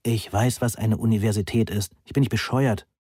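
A man's voice: fairly low pitch, steady tone, a little fast, dark tone, slightly rough, no room sound, clean studio sound. A man voicing an irritable young grandson in an audiobook, blunt and exasperated. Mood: irritated. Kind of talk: audiobook character voice.

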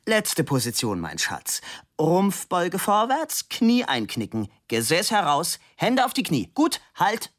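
A man reading aloud, voicing a brusque, sharp-tongued woman sculptor who barks orders at her model. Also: high voice, wildly swooping pitch, slow pace, dry recording, studio quality, voice pushed up, full character voice. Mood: commanding. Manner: commanding, barking orders.

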